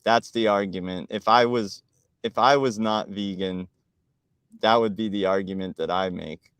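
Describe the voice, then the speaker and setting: A man with a low, smooth and resonant voice talks on a casual live stream. He is talkative and argumentative, and he laughs often. The sound is dry and close. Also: fairly even intonation, a little slow, fairly bright tone, dry recording.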